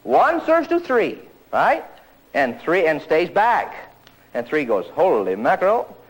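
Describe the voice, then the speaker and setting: A man giving an energetic tennis lesson, joking and acting out players' voices. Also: fairly high pitch, slow pace, low-quality recording. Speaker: tennis coach. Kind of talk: energetic tennis instruction talk.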